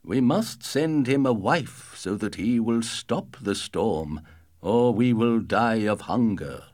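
An earnest old nomad father, as a male storyteller puts him on. He talks slowly and carefully, lifting his pitch somewhat above the narrator's own. Each instruction is laid out step by step. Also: expressive, a little mellow.

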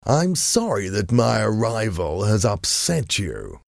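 Storybook dandy hero, bored drawl, teasing politeness, high light voice, slow, as a male narrator puts him on. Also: very animated, vocal fry, darkish tone, no room sound, clean studio sound, heavily acted. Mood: languid, teasing. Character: smug, languid English gentleman hero.

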